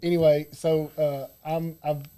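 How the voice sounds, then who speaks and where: High-voiced rambling male co-host. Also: little pitch movement, warm tone. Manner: rambling, jokey, quick to laugh. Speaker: podcast co-host. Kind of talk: casual chat. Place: studio.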